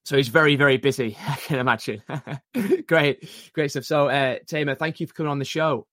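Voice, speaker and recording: A man hosting a podcast interview, talking in a relaxed, chatty way with many fillers. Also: on the high side, fairly quick, dry recording, clean studio sound. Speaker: podcast host.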